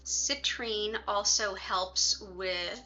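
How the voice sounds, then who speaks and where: Bright-voiced woman chatting on a livestream. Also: mid-range voice, very slow, lo-fi sound, faint music behind. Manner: conversational, chatty asides to viewers. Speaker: livestream host and reiki practitioner. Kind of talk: casual livestream chat with viewers.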